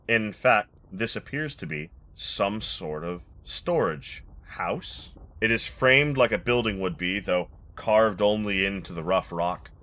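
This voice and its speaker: A man narrating a tabletop game as game master, with ornate, deliberate, dramatic storytelling. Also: on the low side, pushed and bright.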